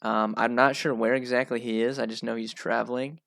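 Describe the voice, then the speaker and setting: Nasal male host with a gravelly edge. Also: mid-range voice, little pitch movement, fairly quick, fairly bright tone, no echo. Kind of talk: casual solo analysis show.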